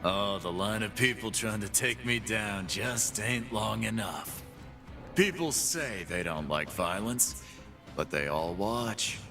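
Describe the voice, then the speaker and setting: An actor with a lowish voice speaks slowly as a swaggering half-beast pit boss, a cocky brawler full of boasts and tough-guy taunts. These are video game character lines with game music in the background.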